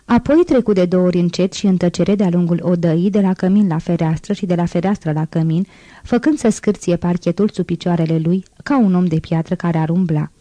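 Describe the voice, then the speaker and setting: A woman narrating an audiobook in a measured, clear reading. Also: lowish voice, warm tone, dry recording. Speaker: audiobook reader.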